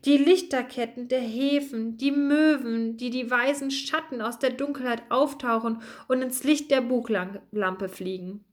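A dreamy male mouse musketeer, played by a woman reading a storybook, murmuring softly as if lost in thought. His voice is quiet and unhurried, drifting gently along. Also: on the high side, steady tone, close to an everyday voice.

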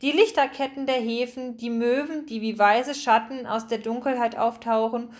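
A dreamy little storybook lab animal, voiced by a woman reading aloud, wistful and given to theatrical recitation. The voice sits fairly high. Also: steady tone, normal speed, natural voice.

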